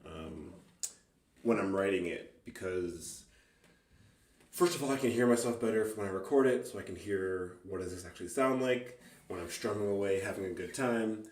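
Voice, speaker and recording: In a casual, off-the-cuff music vlog, a man who writes songs as an amateur rambles with hesitation and pokes fun at himself. His voice is low and a little mellow, moving at a normal speed. A faint guitar sits in the background of a roomy recording made with a distant mic.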